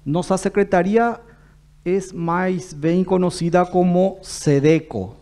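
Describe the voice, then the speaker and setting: A man's voice: high voice, slow pace, warm tone. A man with a Paraguayan Spanish accent, a native Spanish speaker, giving a formal public address as an official in a mix of Portuguese and Spanish. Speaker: government official giving a talk.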